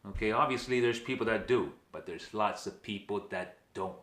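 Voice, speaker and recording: Deep voiced guy from venezuela, slow and emphatic, lots of "okay", roomy echo. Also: fairly bright tone. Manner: emphatic, repeats "okay" and rhetorical questions. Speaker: vlog host. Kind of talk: direct-to-camera commentary.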